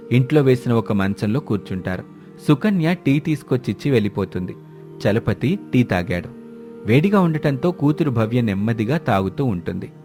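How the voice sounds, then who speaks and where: Male storybook narrator, measured and steady, mid-pitched.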